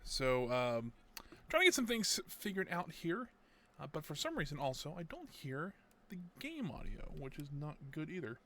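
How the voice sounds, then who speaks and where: With crowd noise in the background, a man with a high-leaning voice and huge pitch swings speaks at a moderate pace. He's streaming a game on a headset mic, rambling casually and talking himself through fixing his setup.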